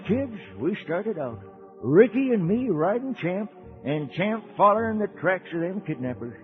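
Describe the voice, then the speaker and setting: A man playing a folksy old cowboy uncle with an American Western accent, telling children a radio serial. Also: high voice. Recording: tinny old radio recording, music behind.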